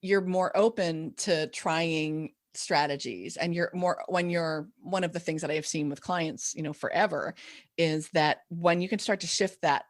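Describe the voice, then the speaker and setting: Low-voiced woman co-hosting a podcast. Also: fairly even intonation, a little slow. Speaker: co-host and ADHD coach. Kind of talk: casual podcast conversation.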